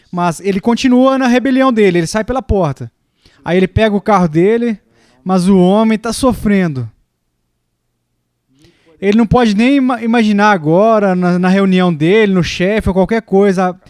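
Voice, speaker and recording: A man delivers a sermon in a high, light voice, telling stories to make his point. The sound is dry and close, with no echo around him. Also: a little mellow. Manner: storytelling with acted quotes, rising pitch in the quoted lines. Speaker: preacher.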